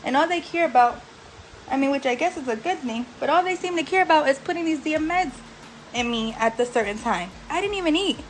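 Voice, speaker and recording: A woman's voice: sits high, lively intonation, fairly quick, slight background noise, poor audio. Frustrated, blunt woman venting. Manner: blunt, profane, exasperated venting. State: post-surgery, frustrated and aggravated. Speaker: vlogger. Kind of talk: venting to camera. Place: recovery house bedroom.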